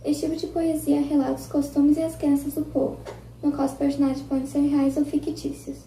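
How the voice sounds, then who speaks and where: A woman with a high, very dark and muted voice reads a school text in a flat monotone. She sounds distant from the mic, in a roomy, echoey space. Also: brisk, faint music behind. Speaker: student presenter. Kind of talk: reading a prepared school text.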